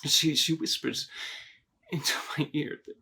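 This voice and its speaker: An actor playing a melodramatic, film-obsessed young man in a mockumentary confessional, talking in halting, stammering bursts and repeating his words. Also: on the high side, steady tone, creaky, pushed and bright, breathy edge, full character voice. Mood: distraught. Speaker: interview subject in a mockumentary.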